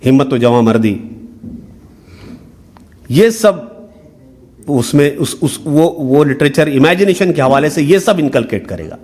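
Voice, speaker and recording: A middle-aged man with a medium-pitched, slightly mellow voice delivers a workshop lecture. He walks through the material step by step, sprinkling in English terms and repeatedly tagging sentences with "hai na?".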